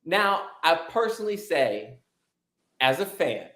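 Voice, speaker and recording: A man guesting on a casual sports podcast launches into animated, joking rants, swearing often. His voice is on the high side and a little slow. The recording sounds roomy and echoey.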